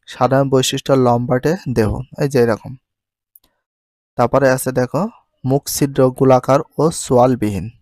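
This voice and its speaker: A male teacher with a Bangladeshi Bengali accent, drilling textbook science terms by asking questions and repeating each answer slowly. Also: mid-range voice, darkish tone, no echo. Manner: mixes English words into his teaching.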